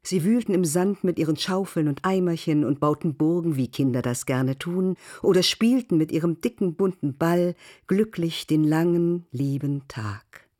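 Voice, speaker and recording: A narrator giving a measured, softly expressive literary radio reading. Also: medium pitch.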